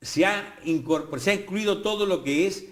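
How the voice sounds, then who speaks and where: An older man with an Argentine accent explaining language on a TV studio program in a professorial, lively way with playful asides. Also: sits high, normal speed. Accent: Argentine Spanish. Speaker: guest, academy president. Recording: roomy studio echo.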